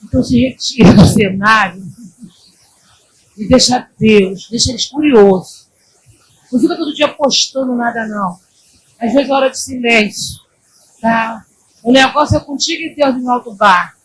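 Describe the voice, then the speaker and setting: High-voiced woman preaching a sermon. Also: moderate pace, long pauses, breathy edge, rough recording. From Brazil. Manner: animated preaching, shifts between loud exhortation and quiet asides. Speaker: pastor. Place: church.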